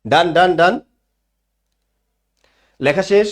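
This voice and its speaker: A man's voice: high voice, slow. A young man teaching a live online grammar class, often asking students to repeat the answer back to him.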